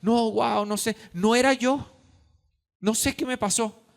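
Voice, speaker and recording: A man's voice: very high-pitched, measured pace, vocal fry, pitched above the performer's own voice, full character voice. A man voicing a stammering, tearful wrongdoer who begs forgiveness in a sermon illustration. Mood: pleading. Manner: stammering, pleading. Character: tearful man pleading he doesn't know what happened.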